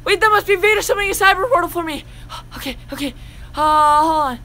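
Bright, forceful and very high, this young-sounding voice moves at a quick pace while acting out informal, repetitive, exclamatory lines for a self-made Minecraft roleplay. Music plays behind it.

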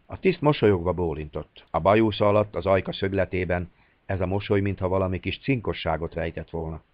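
A man narrating an audiobook in a steady, clear storytelling manner. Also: low voice, no room sound, lo-fi sound. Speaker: audiobook reader.

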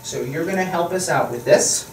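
A man's voice: a little high, normal speed. Guy doing kids party magician patter, playful n teasing, far from the mic in a noisy echoey classroom. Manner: playful, teasing, encouraging the helpers. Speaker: magician and presenter. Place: school classroom. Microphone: distant camera. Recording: echoey, distant, noisy room.

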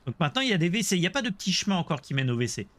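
Chatty man streaming a game, higher voice. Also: sing-song, rapid-fire, a bit bright. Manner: chatty, joking, talks to chat viewers. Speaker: Let's Play streamer. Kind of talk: casual gameplay commentary.

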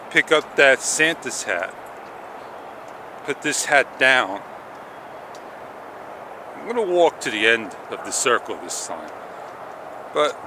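In this casual walk-and-talk vlog, a middle-aged man with a mid-range voice ambles along a park path in the morning, camera held at arm's length. Relaxed and pausing often, he rambles as he thinks aloud, working a candy against a slightly sore throat. Outdoor ambience and passing traffic sit in the background.

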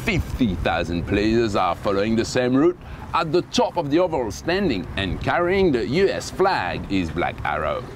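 A man's voice: on the low side, big pitch swings, moderate pace, a little hiss or hum. A man reading a scripted sailing news voice-over.

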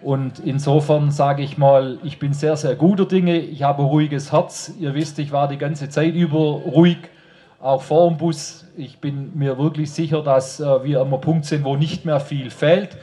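A rally speaker with a Swabian accent addresses the crowd directly from an outdoor stage under an open tent, using a handheld microphone and a colloquial, informal style. His voice is a little high, mellow and steady, and he takes his time.

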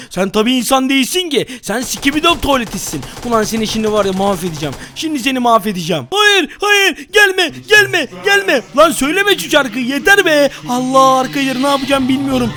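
High-voiced, frantic man gaming. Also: a little fast, hardly any pauses, a little hiss or hum. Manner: loud, frantic, repeats words in bursts. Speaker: gaming YouTuber. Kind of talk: excitable Minecraft role-play commentary.

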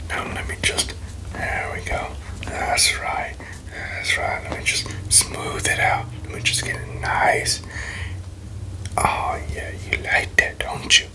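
Man whispering tingly ASMR mouth-sound role-play. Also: low-quality recording. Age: young adult. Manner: playful, teasing, slow murmured repetitions. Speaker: ASMR video creator. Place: small bedroom, indoors. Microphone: close desk microphone in front of him.

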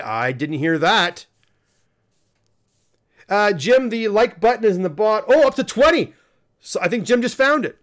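A man in his fifties with a fairly high voice hosts a casual livestream from a small home studio room indoors. He's chatty, reads viewer chat comments aloud, laughs often and keeps coaxing viewers to hit the like button.

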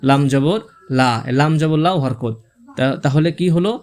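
Male tutor, higher than usual pitch, spells letters and marks one by one, slow recited words. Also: a little mellow, clean tone. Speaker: Quran reading teacher. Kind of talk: step-by-step recitation lesson.

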